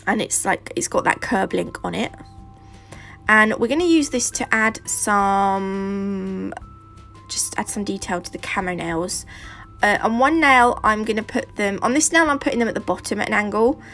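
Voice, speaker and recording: Walking viewers through her nails, a British woman with a stuffy nose and sore throat rambles on in a chatty, casual way, full of fillers and side comments. She speaks at a medium pitch and moderate pace with a fairly bright tone, and faint music plays behind her.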